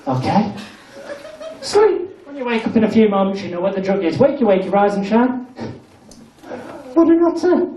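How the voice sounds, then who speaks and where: A man's voice: high-pitched, fast, lo-fi sound. A man with a British accent doing comedy stage hypnosis, giving commanding hypnotic instructions mixed with cheeky, blunt banter to the people on stage. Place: live comedy show on stage. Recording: echoey room, distant mic, audience noise. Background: audience crowd.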